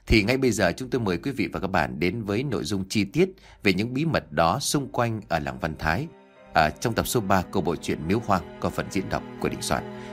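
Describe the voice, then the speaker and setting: Male audiobook narrator, lively intonation, formal storytelling, faint music behind. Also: sits low. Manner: formal, addresses listeners directly.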